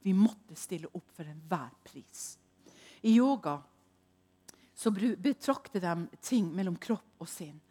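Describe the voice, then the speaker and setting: A woman preaching in a testimony style, telling stories with loud emphasis and hushed, whispered asides. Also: lowish voice. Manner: animated storytelling, swings between loud emphasis and hushed whispers.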